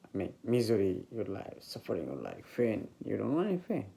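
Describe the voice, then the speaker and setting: A meditation teacher with a Bengali accent gives a casual spiritual talk on meditation in English, which he learned later in life, pausing and hunting for words. His voice is lowish and warm with a creaky texture, and his pitch swings hugely.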